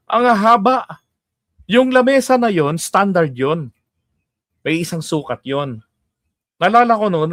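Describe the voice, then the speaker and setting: A high-voiced middle-aged man from the Philippines runs his own commentary show. He talks in a loose, chatty way, laughs often and keeps asking his listeners to agree. The recording is dry and close, with no room sound. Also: fairly bright tone, dry recording. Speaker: political commentary host. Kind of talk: casual political commentary.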